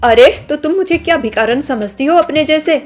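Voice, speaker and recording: A woman's voice: high-pitched, a little fast, faint music behind, voice pushed up, lightly acted. A woman voicing an arrogant, spoiled young woman from a rich family who scolds and sneers, in a storybook drama. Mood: haughty scolding.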